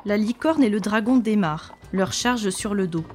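A woman reading a children's story aloud in a lively, expressive way. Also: medium pitch, normal speed, soft background music.

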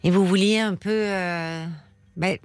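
A woman hosting a late-night radio call-in show in a studio, speaking in a gentle, soothing and attentive way. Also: medium pitch, steady tone, slow, clean tone, soft background music. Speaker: radio phone-in host. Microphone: studio microphone.

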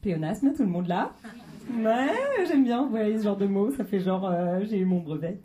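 A woman's voice: medium pitch, big pitch swings, moderate pace, dark tone. A woman in her thirties doing conversational stand-up in a club, hesitant, slangy and self-deprecating. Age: 30s. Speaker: stand-up comedian. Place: comedy club stage. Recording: live club recording, faint noise.

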